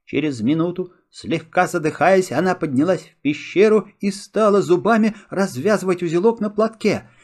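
A man's voice: sits high, normal speed, few pauses, darkish tone. A man narrating a children's filmstrip story in the first person, expressively.

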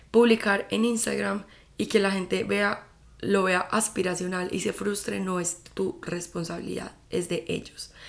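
Brief: young woman, solo podcast host, gravelly edge, conversational filler-heavy delivery. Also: mid-range voice. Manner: chatty, fillers like "como que" and "o sea". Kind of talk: casual solo podcast talk.

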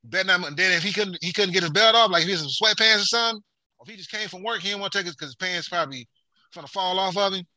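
A man with a high, very bright voice tells childhood stories in a loose, profane chat. He acts out the voices of his mother, his father and himself as a kid. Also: very fast, no room sound. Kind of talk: casual storytelling chat.

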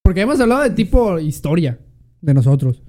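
Mellow Mexican young man, casual. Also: sits high, big pitch swings, brisk. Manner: chatty, explains things. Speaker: podcast co-host. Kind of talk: casual podcast chat.

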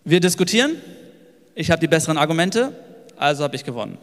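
A man's voice: on the high side, sing-song, fast. A man preaching a sermon with emphasis, repeating phrases and building long lists. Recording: long hall reverb with soft music.

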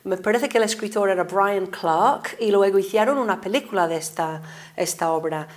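A woman in her sixties from Liverpool with an English accent, a singing teacher chatting in an interview, animated and laughing often. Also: medium pitch, normal speed. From England, Liverpool. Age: 60s. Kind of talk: casual interview conversation.

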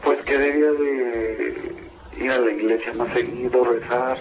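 A man's voice: medium pitch, flat delivery, measured pace, soft background music. A young male caller giving hesitant, distressed answers on an archive radio show. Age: young adult. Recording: phone line on archive radio.

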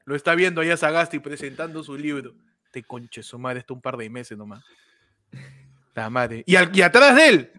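A man with a Peruvian accent co-hosting a casual comedy podcast, loud and joking, laughing often. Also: a little high. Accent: Peruvian Spanish. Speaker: podcast co-host.

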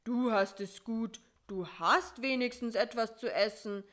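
A woman voicing a greedy, sulky male spider in a read-aloud children's story, speaking in a whiny, grumbling, drawn-out way. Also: mid-range voice, lively intonation. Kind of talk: storybook reading.

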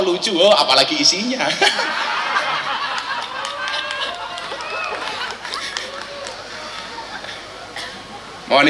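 A man's voice: sits high, bright, forceful tone, a little hiss or hum. A man with a Javanese accent giving a joking sermon full of rhetorical questions and teasing asides, recorded in a large hall. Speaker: Islamic preacher. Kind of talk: humorous sermon. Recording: echoey hall, faint ambience.

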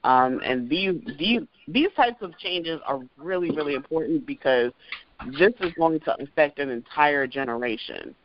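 A man in his thirties co-hosting a casual podcast, talking in a chatty, animated way with plenty of filler words. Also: fairly high pitch, normal speed, background noise. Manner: chatty and animated, with many ums and likes. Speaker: podcast co-host. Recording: dry, dull lo-fi audio.

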